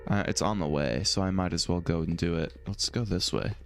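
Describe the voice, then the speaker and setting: A deep-voiced streamer, slightly hoarse from a throat infection, gives casual let's-play commentary on a video game and reads dialogue aloud. He rambles and thinks out loud at a slightly fast pace, with faint music in the background.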